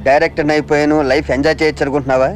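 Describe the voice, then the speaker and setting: A bullying police officer with a slightly high voice hurls taunts and threats, as a man acts him out. His contemptuous, goading delivery sits on top of a loud, pounding film score. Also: flat delivery, racing, over loud music, natural voice. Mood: menacing taunts. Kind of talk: film acting.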